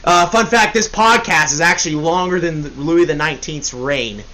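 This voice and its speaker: A man's voice: a little high, normal speed, sharp tone, poor audio. A young man hosting a casual history podcast, rambling and joking, often correcting himself. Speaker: podcast host. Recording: faint hiss.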